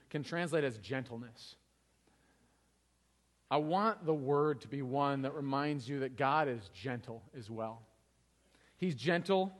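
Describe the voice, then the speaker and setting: A man's voice: fairly high pitch, big-room sound. A pastor in his thirties giving a conversational sermon, often asking "right?" to the congregation. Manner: conversational, tag questions like "right?".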